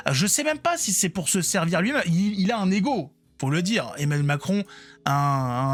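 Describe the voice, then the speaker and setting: A man's voice: a little high, a bit bright. A man giving informal political reaction commentary online, colloquial and sarcastic, with a mocking way of talking.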